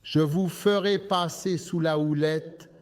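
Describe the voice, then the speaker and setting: A man's voice: fairly high pitch, steady tone, slow. Emphatic male pastor preaching. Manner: emphatic, addresses the congregation. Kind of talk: sermon.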